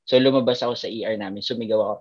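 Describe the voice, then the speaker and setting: A man's voice: fairly low pitch, racing, highs cut off. A man who works as a doctor, telling funny hospital stories in a casual chat and acting out the voices of the people in them. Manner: animated, laughs a lot, acts out voices in anecdotes. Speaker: doctor and podcast host.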